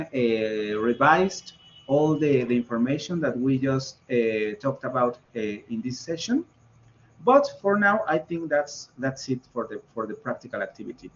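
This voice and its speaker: Patient teacher with a Mexican accent, lively voice. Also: male voice, mid-range voice. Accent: Mexican Spanish. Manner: patient, explains slowly with many fillers and repetitions. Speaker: English teacher. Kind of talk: online class explanation. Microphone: video call. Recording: slightly muffled video call audio with faint noise.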